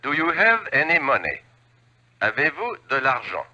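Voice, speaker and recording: A man playing the voice of a language-lesson record, reading phrases clearly in a 1960s sitcom. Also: medium pitch, huge pitch swings, normal speed, exaggerated voice. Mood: instructional. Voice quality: bright, precise, instructional. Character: male French-lesson record voice, crisp and didactic. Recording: dull old TV soundtrack.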